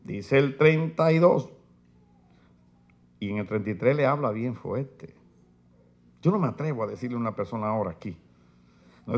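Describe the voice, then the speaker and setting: A man's voice: mid-range voice, a little mellow, muffled recording. A man preaching a sermon in church, reading scripture aloud with force and putting rhetorical questions to his listeners. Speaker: pastor. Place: church sanctuary.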